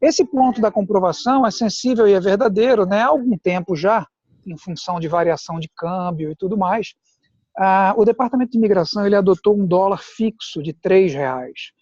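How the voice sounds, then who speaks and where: A guest adviser from Pernambuco, Brazil, explains things steadily and deliberately in an explanatory chat. His voice is high yet mellow, and the audio is dry and dull with the muffled, lo-fi sound of a video call and no echo.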